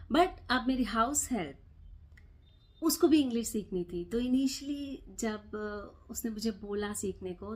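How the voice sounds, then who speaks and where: Indian woman teacher, slow and playful, slightly high voice, tells comic stories. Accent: Indian English. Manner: playful, mock-exasperated, mixing Hindi and English. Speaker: English teacher. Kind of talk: comic storytelling lesson.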